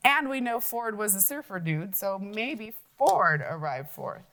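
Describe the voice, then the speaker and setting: Lively woman teacher thinking aloud. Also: mid-range voice, unhurried. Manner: thinks aloud, asks questions to kids. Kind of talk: classroom logic-puzzle lesson for young children.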